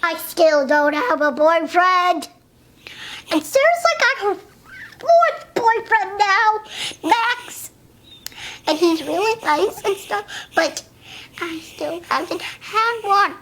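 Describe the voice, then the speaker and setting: A young woman with a very high voice speaks in a casual interview. She answers bluntly and insists on her point, with giggles in between. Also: lively intonation, takes it slowly, fairly bright tone.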